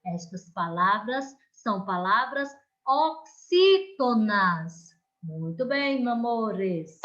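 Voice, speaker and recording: Slow, coaxing Brazilian schoolteacher woman. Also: mid-range voice, very animated, a bit bright, highs cut off. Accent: Brazilian Portuguese. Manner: slow, drawn-out stressed words, coaxing children. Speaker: primary school teacher. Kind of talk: online lesson for children.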